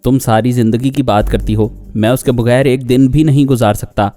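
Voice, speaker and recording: A man's voice: mid-range voice, steady tone, moderate pace, warm tone, faint music behind, natural voice. A man voicing a torn young man who speaks in a coaxing, placating way.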